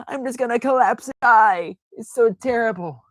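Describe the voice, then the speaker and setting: A man's voice: extremely high pitch, expressive, measured pace, a bit bright, no echo, pitched above the performer's own voice, exaggerated voice. A man voicing a melodramatic, self-pitying drama queen who whines and wails theatrically. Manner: whiny, theatrical wailing.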